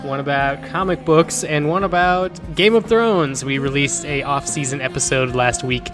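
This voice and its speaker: A man's voice: a little high, moderate pace, over music. A man co-hosting a podcast in a casual, joking style of chat. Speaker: podcast co-host.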